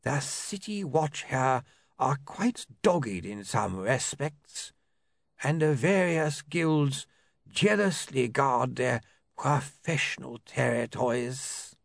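A man doing a creaky, stiff old lawyer. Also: medium pitch, expressive, dry recording, studio quality, pitched above the performer's own voice, exaggerated voice. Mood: dry. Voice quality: creaky, husky, slow.

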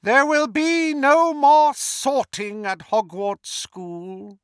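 Evil wizard lord for an audiobook, high soft hissy voice, really slow and mocking, cold as anything. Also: male voice, no room sound, clean studio sound, exaggerated voice. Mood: grandiose, commanding. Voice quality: soft, hissing, silky. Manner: slow, drawn-out, pompous menace.

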